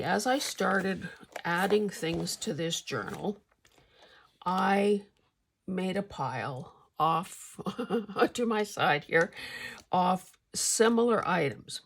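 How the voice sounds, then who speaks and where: An older woman hosting a casual craft vlog, speaking haltingly with a husky, gravelly voice, slightly mouth-full as if sucking a candy. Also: on the low side, a little hiss or hum. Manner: halting, hesitant delivery with pauses. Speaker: craft channel host.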